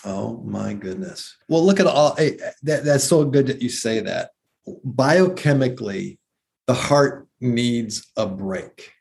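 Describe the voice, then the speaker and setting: A man's voice: medium pitch, animated, slow pace, creaky, a little mellow, slight background noise. A man who once taught anatomy, explaining muscles and breathing in a casual conversation with enthusiasm. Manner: enthusiastic, detail-heavy, lists muscle names. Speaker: former anatomy teacher, guest.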